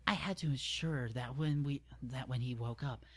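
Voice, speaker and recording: A man's voice: medium pitch, normal speed, dry recording, close to an everyday voice. Man putting on a gloating villain pony mare. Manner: taunting, gloating. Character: cruel scheming female pony, mocking villain.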